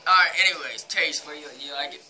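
A man's voice: on the high side, quick pace, sharp tone. A young American man talking casually and crudely with a lip full of dip, giving an amateur review. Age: young adult. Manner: crude, profane, slangy. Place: living room, indoors. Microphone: device mic a few feet away.

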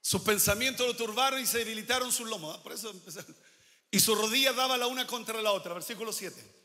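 A pastor preaching a sermon with emphatic declarations and quiet asides. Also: male voice, high-pitched, fast, long reverb tail.

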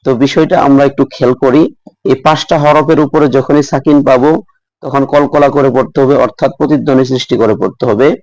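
A man's voice: medium pitch, steady tone, darkish tone, no echo, dull audio. A man teaching Quran recitation rules patiently, repeating and drawing out letter sounds as he explains. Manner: patient, repetitive instruction with drawn-out letter sounds. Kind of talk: tajweed lesson.

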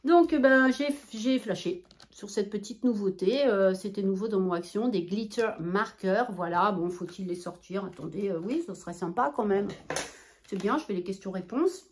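A woman's voice: mid-range voice, moderate pace. Chatty woman showing her shopping haul. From southwest France. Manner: animated, talkative, many fillers and asides to viewers. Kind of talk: chatty product haul vlog.

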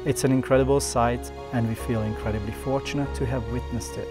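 A man's voice: mid-range voice, fairly even intonation, brisk, over loud music. A man in his thirties reading scripted travel narration in a nature documentary style.

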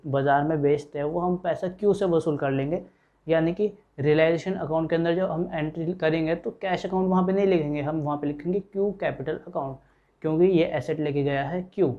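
A man's voice: a little high, lo-fi sound. Man teaching accounts, step by step. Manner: explains step by step, voicing students' questions. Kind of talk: classroom lecture.

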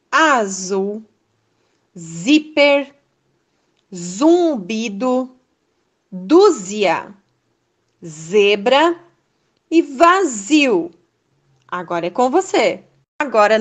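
A Brazilian woman teacher leading a first-grade lesson, reading words slowly and praising the children. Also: on the high side. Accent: Brazilian Portuguese. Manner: slow, syllable-by-syllable, encouraging.

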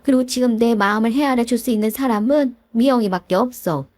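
A woman's voice: fairly high pitch, a little fast, darkish tone, no echo, lightly acted. A woman voicing a pushy, self-pitying older mother-in-law in a storybook drama, wheedling and guilt-tripping. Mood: pleading, pushy.

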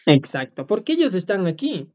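A woman teaching a live online English lesson, drilling phrases slowly and encouraging her students. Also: on the low side, big pitch swings, dark tone.

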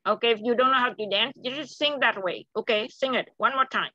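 A woman's voice: a little high, a little fast, sharp tone, muffled recording. A woman whose first language is Vietnamese, coaching a child in an upbeat, coaxing way and saying okay again and again. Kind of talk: encouraging lesson chat.

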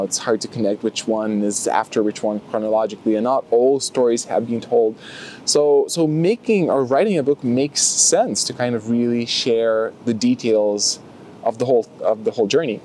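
A young martial arts vlogger with a Lithuanian accent talks casually to a camera held close in front of him on a grassy field outdoors. He uses lots of fillers and restarts. His mid-range voice has a darkish tone, with slight background noise.

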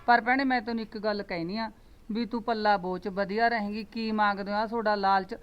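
A woman's voice: mid-range voice, fairly even intonation, fairly quick, muffled recording, lightly acted. A middle-aged woman playing a chatty, meddling village aunty who coaxes and advises her neighbors. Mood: advising. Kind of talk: village comedy skit acting.

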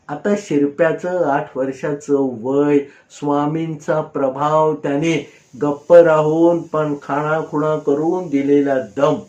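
A man narrating a folk tale in an unhurried storytelling manner, pausing to explain old words with asides. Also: a little high, darkish tone, reverberant, lo-fi sound.

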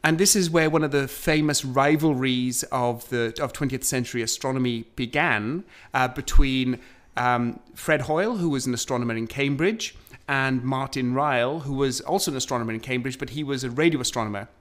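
A man's voice: mid-range voice, fairly quick, fairly bright tone. A man co-hosting a casual science conversation, explaining astronomy history in a storytelling way with frequent fillers. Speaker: co-host.

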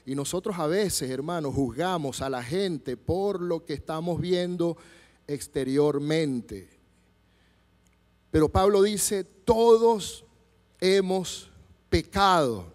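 Venezuelan pastor, 40s, handheld mic on a church stage, high voice echoing through the hall, acts out every story. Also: male voice. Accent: Venezuelan Spanish. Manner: animated storyteller acting out dialogue, gesturing freely. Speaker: preacher. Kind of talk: sermon with told anecdotes. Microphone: handheld microphone. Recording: long church hall reverb.

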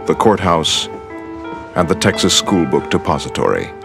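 A man giving measured, scripted documentary narration in a deep, gravelly voice. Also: big pitch swings. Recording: music underneath.

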